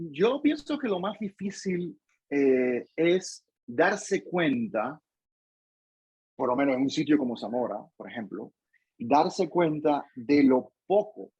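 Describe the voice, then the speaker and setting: A man's voice: on the high side, a little mellow, breathy edge, no room sound, highs cut off. A Cuban man answering interview questions in a thoughtful way, with frequent restarts and tag questions. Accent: Cuban Spanish. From Cuba. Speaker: interview guest, professor.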